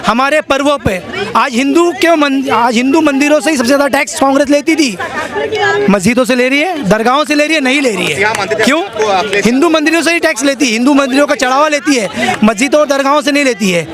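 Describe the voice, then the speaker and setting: A man from Maharashtra speaks in a very high voice, driving each point home with emphatic repetition. He is answering questions in a street interview. A crowd murmurs loudly behind him outdoors. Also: fast talker.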